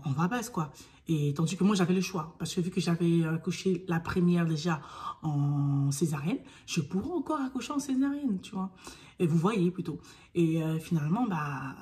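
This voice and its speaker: A young woman vlogger telling her story straight to the camera in a slightly low voice. She chats loosely and acts out her own pleas. At the tense parts she drops to a breathy near-whisper. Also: warm tone.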